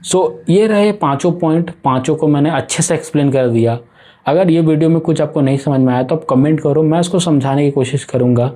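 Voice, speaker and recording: A man's voice: on the high side, dark tone. A young man giving a casual motivational talk straight to his viewers, calling them friend and slipping in English phrases. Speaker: self-improvement vlogger.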